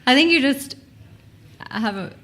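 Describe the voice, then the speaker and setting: A woman's voice: sits high, expressive, measured pace, a bit bright. A woman in her mid-thirties talking candidly as a podcast guest, laughing often and swearing casually. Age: 30s. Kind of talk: casual chat.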